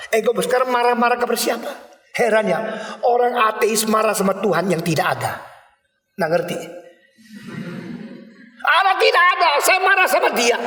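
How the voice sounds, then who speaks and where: A male pastor preaching a sermon, animated and emphatic, now and then mixing in English words. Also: sits high. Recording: echoey hall from a distance.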